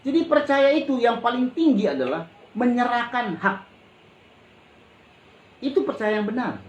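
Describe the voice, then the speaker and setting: A man's voice: very high-pitched, very animated, moderate pace, lo-fi sound. Colloquial preaching man in an echoey church. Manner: conversational preaching, often addressing listeners as brothers and sisters; colloquial, with frequent exclamations and repetition. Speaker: pastor. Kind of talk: sermon. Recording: echoey hall with faint ambient noise.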